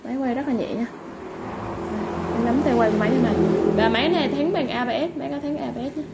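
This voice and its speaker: A woman seller giving a polite, informal product sales pitch, going item by item with repeated stock phrases. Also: quick pace. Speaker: online seller of used fishing reels. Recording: clearly noisy background ambience.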